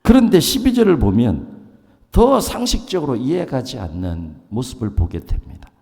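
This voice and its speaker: Animated pastor preaching in a reverberant church. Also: male voice, mid-range voice, normal speed, vocal fry. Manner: animated, asks the congregation questions and acts out quotes. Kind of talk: sermon. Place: church sanctuary. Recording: long hall reverb.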